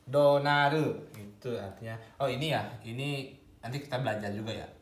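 A man's voice: medium pitch, normal speed, echoey room. A man with an Indonesian accent teaching Japanese in a casual video lesson, playful and teasing, laughing often.

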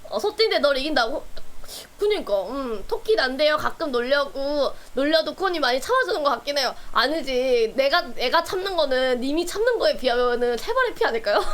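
High-voiced playful woman streamer. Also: fairly bright tone. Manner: playful and teasing, laughs often. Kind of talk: casual live-stream chat with viewers.

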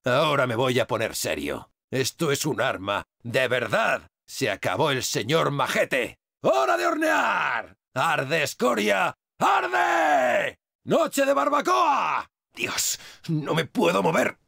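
A gravelly, foul-mouthed game survivor. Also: male voice, a little high, sing-song, normal speed, dry recording, studio quality, heavily acted. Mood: aggressive. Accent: Castilian Spanish. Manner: barked combat shouts and crude wisecracks. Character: foul-mouthed tough male survivor fighting monsters. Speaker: game voice actor. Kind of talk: video game dub lines. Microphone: dry studio dubbing mic.

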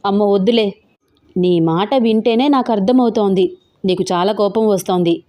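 A woman's voice: medium pitch, moderate pace, dark tone, natural voice. A woman doing a shy, pouty young girlfriend. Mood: hesitant. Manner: hesitant, pouting. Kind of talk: audio story character voicing.

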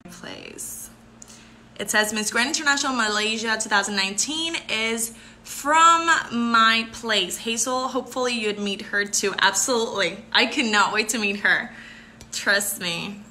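A woman in her twenties from Puerto Rico, with a Puerto Rican accent, hosts a livestream as a pageant contestant, answering viewer comments, laughing a lot and moving between English and Spanish. Her voice sits on the high side with a sharp tone and a measured pace. She films on a phone camera held close in a bright indoor room, and there's a slight hiss or hum.

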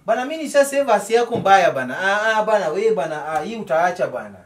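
Man acting as exasperated Kenyan buddy, agitated stammer, high-pitched, rapid, slightly distant mic. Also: big pitch swings. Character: exasperated friend covering for his cheating buddy. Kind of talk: comedy skit acting of a phone call. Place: small room, indoors. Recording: distant mic, faint background noise.

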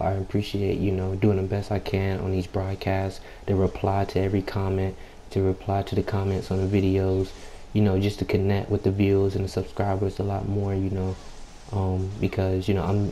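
Young man, gaming YouTuber. Deep, subdued, unhurried voice, extremely flat delivery, casual slangy commentary. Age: young adult. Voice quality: low, subdued voice. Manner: unhurried, laid-back, slangy, frequent "you know" filler; keeps clearing throat. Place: at home late at night, people nearby. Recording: home mic with background noise.

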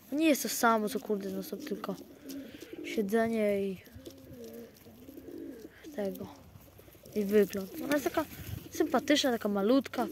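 A man keeping pigeons, talking casually to his viewers outdoors by the loft in a rambling way with many fillers and restarts. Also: high-pitched. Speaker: pigeon keeper. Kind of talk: casual vlog narration to viewers. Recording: outdoor noise with cooing pigeons. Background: pigeons cooing.

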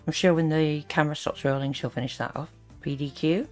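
A woman's voice: deep voice, steady tone, fairly quick, faint music behind. A woman giving critical reaction commentary as host, disapproving and full of sarcastic asides.

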